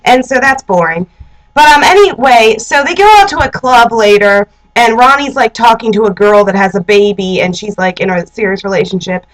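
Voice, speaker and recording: A woman's voice: on the high side, normal speed, low-quality recording. A young woman recapping a TV episode in a chatty, sarcastic way, sitting indoors and using "like" constantly. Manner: chatty and sarcastic, heavy use of "like". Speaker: vlogger. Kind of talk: casual TV recap and advice.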